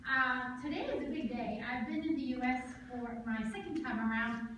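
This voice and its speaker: A woman speaks upbeat and earnest as a new citizen. Her voice is high, and she is heard from far away in an echoey, noisy room. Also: normal speed, fairly bright tone. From Sweden. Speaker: new citizen giving a speech.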